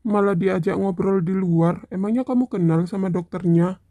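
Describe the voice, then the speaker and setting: A man voicing an affectionate schoolboy husband in a cartoon, relaxed and joking. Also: high voice, moderate pace, no room sound. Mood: puzzled. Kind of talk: amateur cartoon voice acting.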